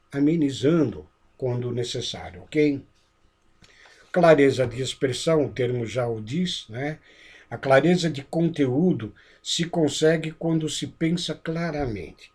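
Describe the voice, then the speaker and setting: A man's voice: a little high, a little mellow, breathy edge. A man giving a lecture-style lesson on public speaking, explaining step by step and often checking in with his listeners. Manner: didactic, checks in with frequent "né?" and "ok?". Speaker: instructor of a speaker training course.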